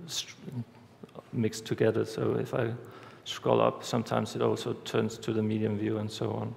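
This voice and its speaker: A man giving a conference talk, walking through a live demo step by step in a halting way, recorded in a large hall. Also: lowish voice, completely flat delivery, vocal fry, a little mellow. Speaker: conference speaker. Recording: reverberant hall, faint background noise.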